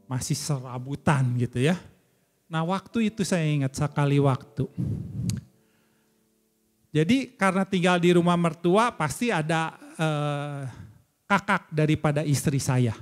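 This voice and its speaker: High-voiced man preaching a fervent testimony. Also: measured pace, long pauses. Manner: emotional storytelling, rising to fervent high peaks. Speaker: church elder preaching. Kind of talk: sermon with personal testimony.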